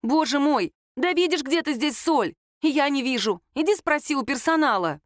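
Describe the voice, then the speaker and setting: A woman's voice: high-pitched, lively intonation, fairly quick, dry recording, studio quality, pitched above the performer's own voice. A woman reading an audiobook, voicing a blunt, anxious young woman who snaps at people. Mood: exasperated. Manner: blunt, exasperated, rude outbursts. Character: young woman, brash, anxious, sharp-tongued.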